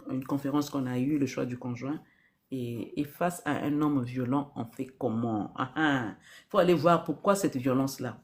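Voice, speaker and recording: A woman with a very deep, darkish voice offers spiritual advice on a live stream. She is earnest, repeats her key phrases and poses rhetorical questions.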